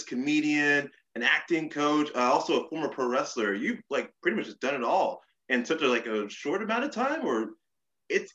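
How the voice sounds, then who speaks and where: A male podcast host with a fairly high, bright voice that swings lively up and down. He asks his questions in an upbeat, casual way, and the recording sounds a bit dull and lo-fi. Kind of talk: casual interview chat.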